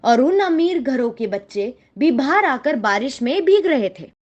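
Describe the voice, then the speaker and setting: A female narrator tells scripted moral stories for children in a high-pitched, sing-song voice at a slightly slow pace. The lo-fi sound is a little dull.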